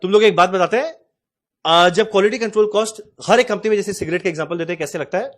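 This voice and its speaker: A man in his forties giving a cost accounting class, his voice sitting noticeably high. He talks to his students in a chatty, storytelling way, weaving in his own experiences. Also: quick pace. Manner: chatty, storytelling, addresses students as "tum log". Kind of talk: lecture with a personal anecdote.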